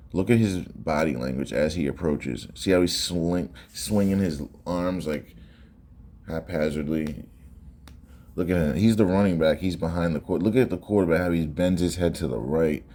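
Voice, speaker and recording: Very deep-voiced man giving casual commentary. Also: normal speed, warm tone, slight background noise. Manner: conversational, repeats phrases for emphasis. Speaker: sports reaction commentator.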